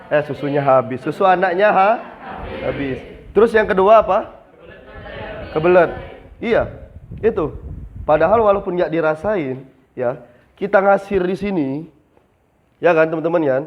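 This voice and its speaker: A young man training new retail staff in a classroom, asking the class questions and answering them himself. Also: high voice. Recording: slightly dull lo-fi sound.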